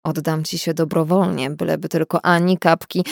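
A woman reading a mocking young male doctor, a prankster who teases loudly and chuckles as he talks. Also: low-pitched, level tone, moderate pace, gravelly, no room sound, studio quality. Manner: teasing, loud, chuckling.

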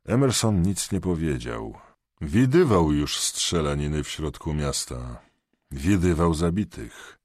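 A man narrating a thriller audiobook in a measured, expressive reading. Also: low-pitched, husky, no room sound, clean studio sound.

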